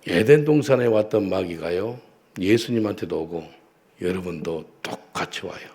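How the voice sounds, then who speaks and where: A middle-aged Korean man preaching with a gravelly, fry-edged voice that sits fairly low. He tells stories emphatically and drops in Korean-accented English lines. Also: lively intonation, moderate pace, a little mellow. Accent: Korean, with Korean-accented English phrases. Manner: emphatic preaching, leads the congregation in repeated prayers; storytelling, acts out a street encounter with quoted English. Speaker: pastor. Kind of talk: sermon.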